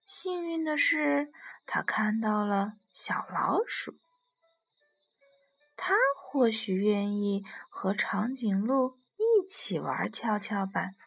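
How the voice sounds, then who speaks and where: A young woman narrating a children's bedtime story in a gentle, soothing way. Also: mid-range voice, sing-song, takes it slowly, creaky, husky.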